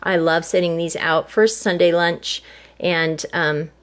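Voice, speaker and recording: Older grandmother vlogger, warm-natured chat about groceries and deals, relaxed home recording. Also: fairly low pitch, slow pace. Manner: chatty, homey, detailed about prices. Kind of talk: casual grocery haul narration. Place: home, at a table.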